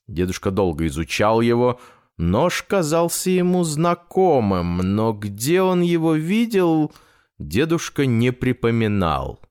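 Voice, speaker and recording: A man narrating a children's audiobook in an expressive, unhurried storytelling manner. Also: mid-range voice.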